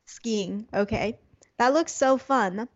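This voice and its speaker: A woman's voice: a little high, takes it slowly, highs cut off. A woman conducting a conversational interview in an affirming, encouraging way.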